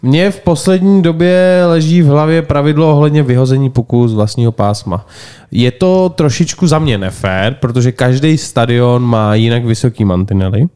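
A man's voice: mid-range voice, warm tone, clean tone. A man hosting a podcast, asking questions in a joking, conversational way. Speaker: podcast host. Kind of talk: casual podcast chat.

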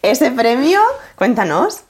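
A woman's voice: fairly high pitch, sing-song, slow, darkish tone, slightly rough. A woman hosting a casual interview, asking questions, backing the guest up with short replies and adding her own reflective asides. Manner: friendly prompting, short backchannels, reflective asides. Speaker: interviewer, host.

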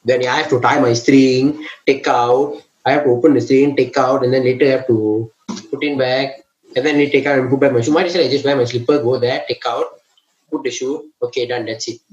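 A man's voice: mid-range voice, steady tone, brisk, darkish tone. A young man with a Malaysian English accent, ranting casually to his friends and calling them bro. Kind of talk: casual chat among friends. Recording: roomy, muffled, faint background noise.

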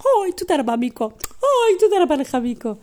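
A woman voicing an excitable older grandmother who gushes, repeats herself and gets teary with excitement in a made-up bedtime story. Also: high-pitched, pitched above the performer's own voice. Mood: tearful, overjoyed.

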